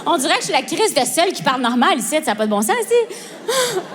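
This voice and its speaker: Chatty Québécois woman, higher pitch. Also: big pitch swings, a bit bright. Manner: fast, chatty, frequent fillers and laughter. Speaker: stand-up comedian guest. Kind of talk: casual interview chat.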